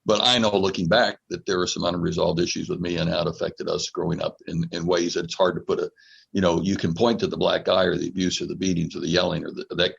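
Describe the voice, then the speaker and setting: A man with a very low, gravelly voice takes part in a reflective podcast conversation. He speaks in a measured, thoughtful way, and his voice has a husky edge. The audio is dull and lo-fi. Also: level tone.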